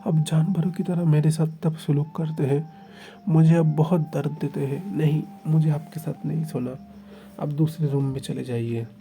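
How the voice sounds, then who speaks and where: A frightened young man pleads and begs tearfully in this storybook reading, put on by a man reading aloud. The voice sits a little higher than the reader's own, still dark and gravelly. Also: steady tone, normal speed, soft background music, natural voice. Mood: pleading.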